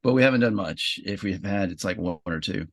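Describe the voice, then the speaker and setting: A man's voice: low voice, fairly quick, a crowd in the background. A man co-hosting a casual beer review show, chatting and explaining the beer style. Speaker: co-host.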